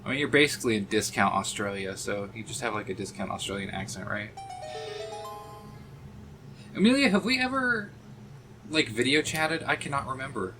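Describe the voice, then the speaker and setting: A man's voice: fairly low pitch, fast, hardly any pauses, sharp tone. A man streaming a video game, chatting casually with viewers and swearing freely at enemies. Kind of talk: casual live-stream chat while playing. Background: game music.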